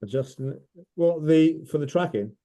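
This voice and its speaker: A man's voice: on the high side, lively intonation, normal speed, warm tone. A man giving casual, informal technical explanations as a specialist answering questions, step by step.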